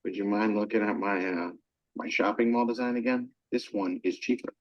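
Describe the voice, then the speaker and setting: A man's voice: on the low side, steady tone, moderate pace, no room sound, muffled recording, natural voice. An actor playing a hesitant, apologetic young man asking his family for approval, in a film clip. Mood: pleading.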